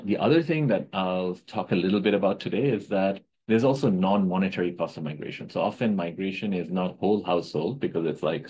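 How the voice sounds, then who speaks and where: Over a video call, a middle-aged Bangladeshi man gives an economics webinar talk in a casual lecturing style with frequent "right?" checks and self-corrections. His voice sits low with a darkish tone, and the audio sounds dull.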